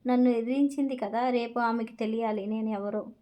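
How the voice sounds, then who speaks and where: A woman's voice: fairly high pitch, fairly even intonation, fairly quick, muffled recording, lightly acted. A woman reading as a cold proud young businessman. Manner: cold, clipped.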